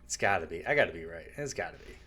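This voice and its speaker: A man casually commenting on a horror game while he plays, relaxed and musing. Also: deep voice, very fast, husky. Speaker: gameplay commentator. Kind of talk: casual let's play commentary.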